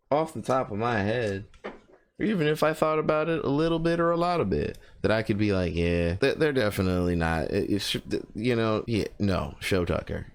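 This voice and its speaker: A young man co-hosting a reaction video, chiming in with short quips and rambling asides. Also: lowish voice. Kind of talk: casual banter.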